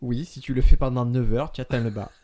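A man's voice: mid-range voice, fairly even intonation, fast, dark tone. Male co-host, casual chat, playful and teasing. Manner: joking, teasing. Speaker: podcast co-host.

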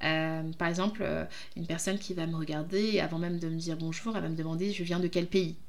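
A woman from France hosts her own podcast, talking in a casual, reflective monologue. Her voice sits a little low for a woman. She pauses often as she gathers her thoughts. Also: fairly even intonation. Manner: reflective, hesitant, many pauses. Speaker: podcast host, jurist.

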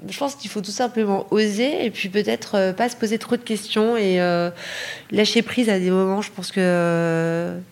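A woman's voice: mid-range voice, fairly even intonation, moderate pace, a little mellow. A middle-aged woman from Paris, a designer answering podcast interview questions with many fillers and restarts. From Paris, France. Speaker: lighting designer, guest.

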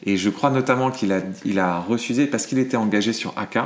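A middle-aged man reviewing films in casual chat, hesitant, thinking aloud and restarting his sentences, explaining in a measured way. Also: lowish voice. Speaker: film reviewer co-host.

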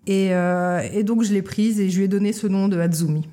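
A woman's voice: mid-range voice, fairly even intonation, brisk, dark tone. A woman in her thirties from Paris, a guest telling her story in a casual interview, hesitant, with many fillers and restarts, a little tired. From Paris, France. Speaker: guest, love-shop co-owner. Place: small shop.

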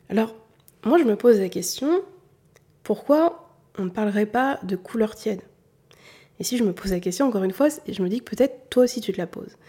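A woman's voice: medium pitch, mellow, breathy edge. A woman from southern France giving an informal lesson on colors, talking straight to the listener in a chatty way. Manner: chatty, addresses the listener directly. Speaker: color analysis teacher.

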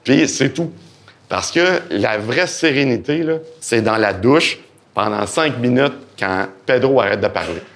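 A man with a Québécois French accent speaking as a guest on a live podcast in front of an audience, animated and joking, acting out the voices in his head. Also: medium pitch, a little slow, vocal fry. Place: event hall with live audience.

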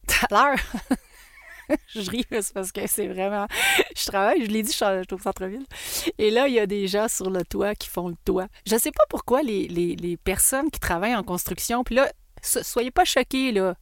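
A middle-aged woman with a Québécois accent talking as a motivational coach in a solo podcast, animated and emphatic, repeating phrases for effect. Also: medium pitch, normal speed.

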